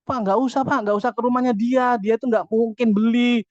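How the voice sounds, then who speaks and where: A man's voice: extremely high pitch, steady tone, brisk, dry recording, pitched above the performer's own voice. A man voicing a nagging, discouraging inner voice of the subconscious that scoffs and dismisses every plan. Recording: dull, dry lo-fi audio.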